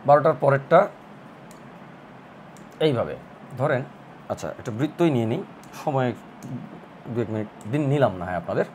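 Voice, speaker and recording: A man tutoring math, working through a problem slowly and step by step, thinking aloud as he draws. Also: medium pitch, animated, darkish tone, slight background noise. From Bangladesh. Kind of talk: recorded math lesson.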